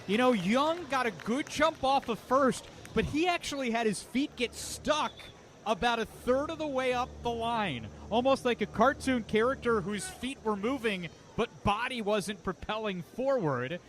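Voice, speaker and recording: Calling a baseball game live on radio, this play-by-play announcer describes the action in detail. His voice is extremely high and a bit bright, with lively intonation and a slightly slow pace. Clear outdoor ballpark ambience fills the background.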